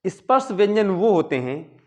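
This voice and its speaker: A man whose voice sits high and swings widely in pitch is explaining Hindi grammar at a board. He proceeds slowly and step by step, checking in between points with a repeated "ठीक है" ("okay").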